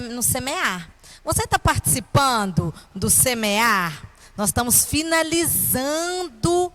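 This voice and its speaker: A woman's voice: a little high, fairly bright tone. A woman with a Brazilian accent teaching a children's Bible lesson in a kindergarten teacher voice, with simple explanations and questions put to the children.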